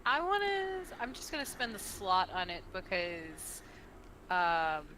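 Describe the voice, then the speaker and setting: A woman playing a tabletop game, chatty and animated, asking about rolls and spells. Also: lowish voice, a little slow, crowd noise, rough recording. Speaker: player. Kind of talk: casual tabletop play.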